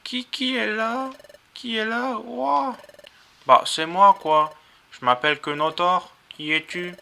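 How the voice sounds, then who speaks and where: A man's voice: sits high, fairly even intonation, slow, creaky, bright, forceful tone, pitched above the performer's own voice, exaggerated voice. Video game voice: male let's-player as a naive, eager Pokémon, stammering and folksy. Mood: startled.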